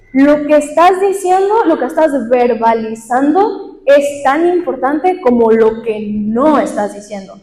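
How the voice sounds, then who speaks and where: Young female workshop speaker, chatty teaching style with questions to the room, high mellow voice. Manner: conversational teaching with questions to the audience. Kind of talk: talk to a live group. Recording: echoey hall with long reverb.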